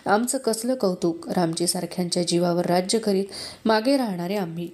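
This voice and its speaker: Woman reading as a gentle, humble king. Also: lowish voice, natural voice. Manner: soft, respectful, measured. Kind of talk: audiobook reading of a historical novel.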